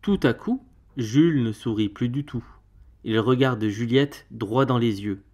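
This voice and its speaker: Expressive male storyteller. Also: mid-range voice, unhurried. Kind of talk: reading a children's picture book aloud.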